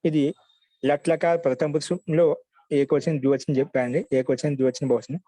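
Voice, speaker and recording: A male teacher giving a grammar class, patiently repeating word forms slowly so students can write them down. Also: on the high side, fairly even intonation, dark tone, no echo.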